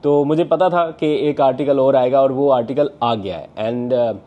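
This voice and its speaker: The audio is narrow and tinny as a young Pakistani political journalist vlogs from his home living room on a lapel mic. His mid-range voice stays steady at normal speed while he offers earnest analysis, often saying "uh" and gesturing with his hands.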